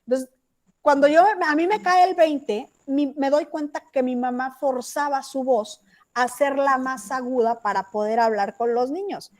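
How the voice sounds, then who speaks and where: A woman with a Mexican accent teaches a class over a video call. Her voice sits high, and her talk is chatty, with frequent checks that everyone is following along. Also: steady tone, moderate pace. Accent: Mexican Spanish. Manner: chatty, asks checking questions. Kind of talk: online class lecture.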